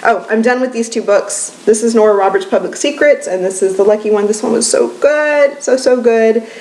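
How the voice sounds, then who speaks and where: A woman's voice: fairly high pitch, brisk, darkish tone, rough recording. A young woman beauty vlogger chatting casually at home, gushing and rambling with many ums. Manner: gushing and enthusiastic. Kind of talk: casual beauty monthly favorites vlog. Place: at home with children nearby.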